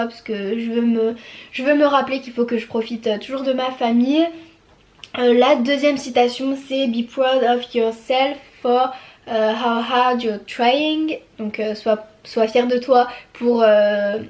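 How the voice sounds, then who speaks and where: Young woman YouTuber, eighteen, chatty and casual, plenty of fillers, voice sits a little high, filmed on a phone. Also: darkish tone, dull audio. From France. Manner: chatty, many fillers and restarts; reads English quotes with a French accent. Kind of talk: casual vlog chat. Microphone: phone camera.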